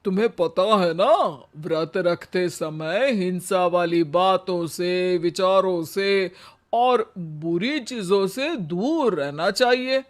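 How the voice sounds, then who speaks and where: Here a man performs the part of an elderly, henpecked husband for a comic animated moral story. His pace is slow and his voice unusually high for a man, and his wry, sarcastic delivery keeps needling with mock pleas.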